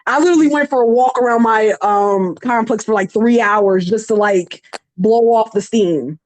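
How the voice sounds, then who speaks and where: A woman's voice: fairly high pitch, normal speed, dry recording, rough recording. A woman in her thirties telling a personal story on a podcast, rambling with lots of fillers. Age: 30s. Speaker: podcast co-host. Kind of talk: casual chat, personal storytelling.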